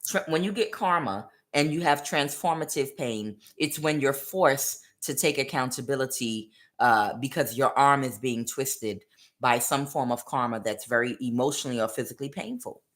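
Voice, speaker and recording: Tarot reader, woman, extremely low pitch, meandering delivery with many fillers. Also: normal speed. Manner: rambling, many "uh" fillers, acts out quoted voices. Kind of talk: spiritual tarot reading monologue.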